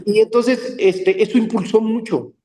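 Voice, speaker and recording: An older man, a dubbing actor telling stories in a casual interview, animated and slipping into character voices. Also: high-pitched, moderate pace. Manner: animated, slips into character voices mid-story. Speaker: voice actor and dubbing director guest.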